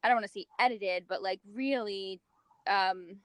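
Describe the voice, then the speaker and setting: A woman's voice: mid-range voice, moderate pace, dry recording. An American-raised woman talking as a guest in a casual interview. She hesitates and restarts often, filling gaps with fillers. Her voice is recorded close and dry, with no room sound. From United States. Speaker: magazine founder, interview guest.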